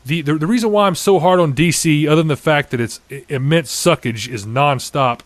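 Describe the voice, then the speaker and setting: A man in his thirties with a fairly high voice talks a little fast, recorded with no room sound on a studio condenser mic set on a table. As host of a casual podcast, he chats and rants, profane and opinionated.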